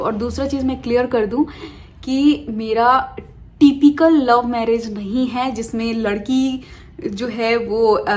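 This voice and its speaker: A woman's voice: a little high, a little hiss or hum. A woman in her thirties from India, talking casually to camera as a lifestyle vlogger, earnest and pleading, rambling with restarts. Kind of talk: casual direct-to-camera talk.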